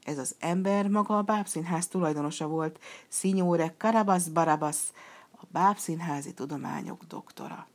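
A woman reading a children's story aloud as narrator, steady and expressive. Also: fairly low pitch.

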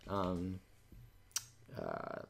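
A man's voice: low voice, very animated, extremely slow, gravelly. A man co-hosting a podcast, chatting in a laid-back way and laughing easily. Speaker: podcast co-host. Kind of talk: casual chat.

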